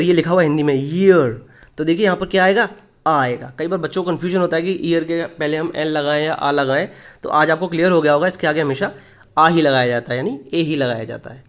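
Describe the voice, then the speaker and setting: Man, high voice, grammar teacher leading a Hindi classroom lesson, asks and answers his own questions, reads examples slowly. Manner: explains step by step, asks questions and answers them; reads English example sentences slowly and deliberately.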